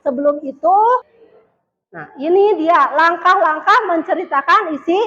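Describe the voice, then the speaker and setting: A woman's voice: very high voice, measured pace, bright, forceful tone, lo-fi sound. A woman teacher leading a classroom lesson, asking the pupils questions and repeating their answers.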